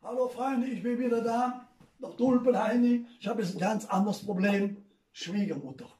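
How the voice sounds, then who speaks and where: A man's voice: high voice, normal speed, mellow. A man with a Rhineland German accent telling carnival jokes at home, chuckling at his own punchlines. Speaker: carnival comedian. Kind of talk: stand-up joke telling. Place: home living room. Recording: echoey room, distant mic.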